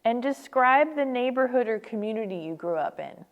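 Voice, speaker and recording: A woman's voice: a little high, animated, moderate pace, muffled recording. A woman conducting an oral history interview, asking prepared questions.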